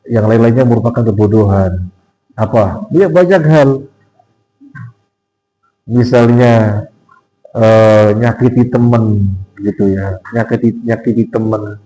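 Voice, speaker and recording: A man in a mosque giving a casual sermon as an ustadz, teasing the audience with questions and acting out quoted voices in a strained, raised pitch. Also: warm tone, rough recording. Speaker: ustadz giving a pre-Ramadan study talk. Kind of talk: informal sermon.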